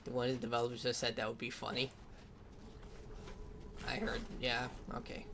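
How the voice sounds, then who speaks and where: A man's voice: mid-range voice, completely flat delivery, normal speed, creaky, background noise. A man giving casual gameplay commentary, with the game's sound audible behind him. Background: video game audio.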